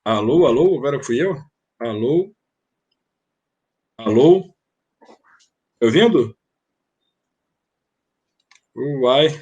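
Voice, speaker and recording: A man's voice: medium pitch, expressive, extremely slow, pauses often, warm tone, dull audio. A man interviewing someone over a video call, his voice distant and breaking up as the call drops out, repeatedly checking whether he can be heard. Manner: checking the connection, repeating hellos. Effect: call dropping out, voice distant and breaking up.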